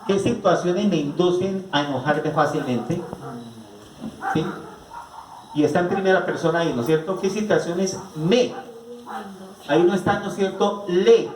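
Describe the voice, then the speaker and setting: A man with a Colombian accent delivers a family psychology lecture, repeatedly asking the audience rhetorical questions. His voice sits a little high for a man. The recording is roomy and distant, with faint noise behind him. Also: a little mellow. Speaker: psychologist giving a family conference. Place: rural venue with an audience. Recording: echoey room picked up from a distance.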